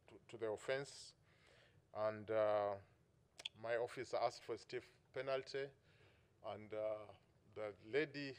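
A middle-aged man with a Ugandan accent, speaking on a symposium panel as a prosecutions director and telling an anecdote from his office in a measured way, with many "uh" fillers and restarts. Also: lowish voice.

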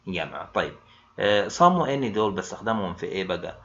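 A man's voice: sits low, lively intonation, brisk, fairly bright tone, slight background noise. A man with an Egyptian Arabic accent teaching an online English grammar lesson. He keeps asking questions and answering them himself. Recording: dull lo-fi sound.

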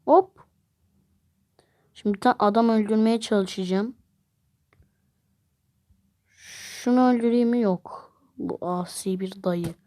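A woman gameplay vlogger chats casually through a mobile game, exclaiming and groaning whenever things go wrong. Her mid-range voice has a dark tone and a measured pace with long pauses, recorded on a phone.

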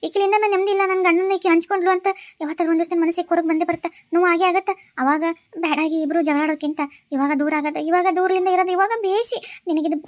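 A woman voicing a kind, persuasive village woman who mediates in a family quarrel in a cartoon, with a North Karnataka accent. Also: extremely high pitch. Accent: North Karnataka Kannada. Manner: coaxing and earnest.

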